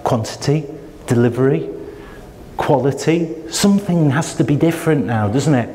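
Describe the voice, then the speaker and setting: A man's voice: on the high side, moderate pace, warm tone, slight background noise. A man teaching procurement to a room, asking rhetorical questions and acting out what buyers and suppliers say. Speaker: procurement trainer. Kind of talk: lecture to a room of trainees. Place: training room. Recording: long hall reverb.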